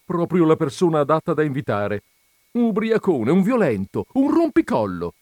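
A man voicing a sharp, scornful young woman in a raised voice. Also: on the high side, huge pitch swings, moderate pace, dry recording.

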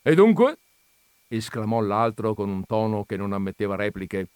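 A man narrating a comic short story in an expressive, measured storytelling manner. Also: lowish voice, clean tone, dry recording, clean studio sound. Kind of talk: audiobook reading of a comic story.

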